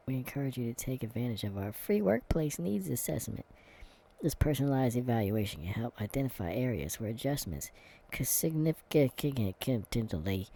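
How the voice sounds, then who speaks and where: In a casual vlog, a man reads an online quiz aloud, stumbling and muttering through the text while answering with sarcastic, deadpan asides and dark comic rants. His voice is mid-range and creaky.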